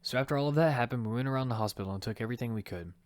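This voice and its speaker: In an amateur audio drama, a man with a mid-range, natural voice narrates at a very fast clip as the lead, a determined young fighter recounting his own survival in first person. The delivery is dramatic, and the dry recording is clearly noisy, with audible clicks.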